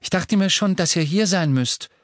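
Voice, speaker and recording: A man's voice: high-pitched, normal speed, dry recording, clean studio sound, voice pushed up, lightly acted. A man voicing a cheerful, dreamy teenage girl in an audiobook.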